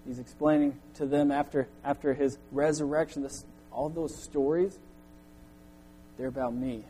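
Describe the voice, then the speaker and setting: A man preaching a sermon in earnest, his voice climbing loud when he echoes the crowd's cries. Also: mid-range voice, slight background noise. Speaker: pastor.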